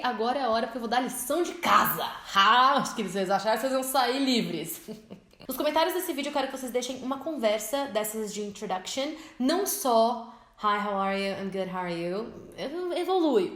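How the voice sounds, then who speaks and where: A young Brazilian woman with a Brazilian Portuguese accent, teaching English in a chatty, expressive vlog style and slowing down to spell words out. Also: a little high. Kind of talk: casual vlog-style lesson. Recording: echoey room.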